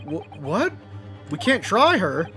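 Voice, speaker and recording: A man's voice: fairly high pitch, huge pitch swings, takes it slowly, bright, forceful tone, faint music behind, heavily acted. A man voicing a bewildered young male student in a video game, stammering and incredulous. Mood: shocked, baffled.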